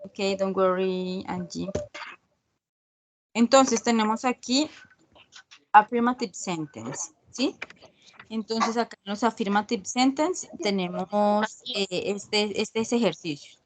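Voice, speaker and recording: A woman's voice: mid-range voice, slow pace, a little hiss or hum. A woman teaching an online English grammar class in Spanish, patiently checking in with her students after each point. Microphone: video call.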